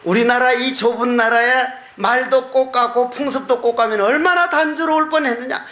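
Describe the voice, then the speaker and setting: Man, Buddhist monk, sermon, very high voice, folksy and humorous, chuckling, echoey hall. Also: bright, forceful tone. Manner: folksy and humorous, chuckling, with drawn-out chanted phrases. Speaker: Buddhist monk giving a dharma talk.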